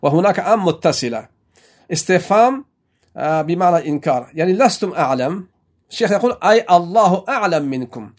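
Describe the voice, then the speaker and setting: Man, high voice, from Afghanistan, teaching a classical text, measured explanation, frequent restarts. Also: lively intonation. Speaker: teacher of Quranic exegesis and grammar.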